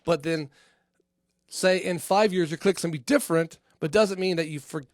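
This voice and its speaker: A man's voice: fairly high pitch, normal speed, no room sound. A man hosting a comedy podcast, talking in a loose, rambling way and swearing freely. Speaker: podcast host. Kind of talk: casual chat. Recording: dry close studio mic.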